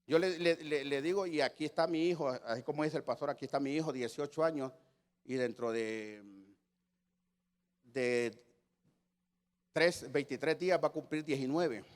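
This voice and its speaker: A man's voice: a little high, normal speed, long pauses. A man, teaching a church sermon emphatically and repeating words as he searches for his phrasing. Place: church meeting.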